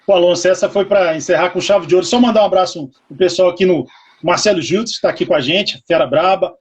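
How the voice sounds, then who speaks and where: A man hosts a live interview and wraps it up with effusive thanks and greetings. His voice sits high and sounds very raspy. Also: quick pace, dull audio. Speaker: host.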